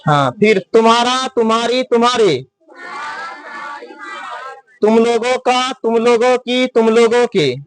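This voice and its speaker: A man teaching a classroom lesson. He spells words out letter by letter, slowly, and keeps asking the class to repeat after him. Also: extremely high pitch, a little hiss or hum. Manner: repeats and drills, asking the class to answer back.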